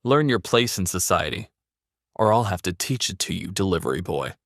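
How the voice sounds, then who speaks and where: A man's voice: low voice, big pitch swings, moderate pace, fairly bright tone, no echo, clean studio sound, heavily acted. A man voicing a smug, mocking young rival in an audio drama. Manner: mocking, condescending. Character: smug scoffing rich young male rival.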